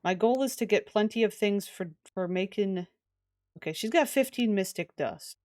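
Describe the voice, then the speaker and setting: A woman's voice: medium pitch, moderate pace, darkish tone, dry recording. A woman live-streaming a life-simulation game, chatting casually to viewers and to the characters on screen. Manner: chatty, talks to game characters, giggly asides. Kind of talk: casual live gameplay commentary.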